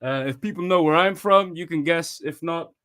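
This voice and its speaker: A man's voice: fairly high pitch, moderate pace, a bit bright, clean tone. A man from Eritrea hosting a casual interview, easygoing and chatty with a hype-man touch. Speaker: host.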